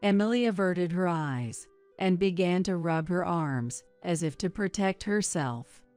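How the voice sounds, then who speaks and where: A woman narrating a story in a measured, even way. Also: on the low side, clean tone, faint music behind.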